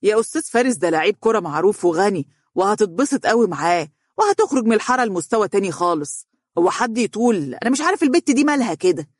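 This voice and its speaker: A storyteller voicing a loud, pushy middle-aged father who speaks in an Egyptian accent and rants rapidly. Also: medium pitch, sing-song, dry recording, studio quality, pitched above the performer's own voice. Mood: exasperated. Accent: Egyptian Arabic. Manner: loud, exasperated, rapid ranting.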